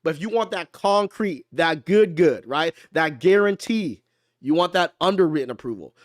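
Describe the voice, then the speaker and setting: A man with a fairly high voice talks through his topic in a loose, playful way, tossing in slang and asking his viewers whether they follow. The sound is dry and close, with no room around it. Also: animated, normal speed, no room sound. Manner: conversational, keeps asking "right?". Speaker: mortgage lender hosting a live stream. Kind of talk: casual explainer talk.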